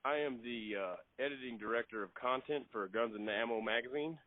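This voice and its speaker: A man making a phone call, polite and halting, often repeating his words. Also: mid-range voice, no echo. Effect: heard over a phone line. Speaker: prank caller. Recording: thin, dry phone line.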